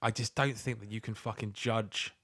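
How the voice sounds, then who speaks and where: This co-host's voice sits on the low side, bright and forceful, with a steady tone at normal speed. He's reading out letters and reacting on a casual comic podcast, sweary, blunt and incredulous.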